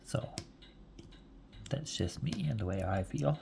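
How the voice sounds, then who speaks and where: Here a knitting vlogger in his forties talks slowly in a lowish, creaky voice with lively intonation, over some background noise. He rambles and chuckles a lot as he knits and chats casually.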